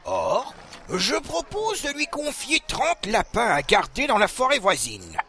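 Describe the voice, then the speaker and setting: Male reader as a sly minister: high, bright, slow, persuasive. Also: huge pitch swings, soft background music, exaggerated voice. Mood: scheming. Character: scheming royal minister, smooth courtier. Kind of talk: storybook reading.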